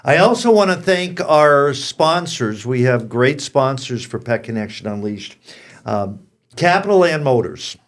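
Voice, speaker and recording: Male host, sixties, American, medium pitch, conversational and frank presenting style. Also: very animated, a little slow. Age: 60s. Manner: frank, direct address to viewers. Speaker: pet show host.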